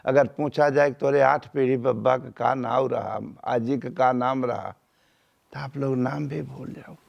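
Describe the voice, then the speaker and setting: Spiritual teacher, eastern Uttar Pradesh accent, unhurried gravelly voice, sermonizing man, dull lo-fi recording. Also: mid-range voice, darkish tone. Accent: eastern Uttar Pradesh Hindi. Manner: preachy, asks rhetorical questions, chants verses. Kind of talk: devotional sermon.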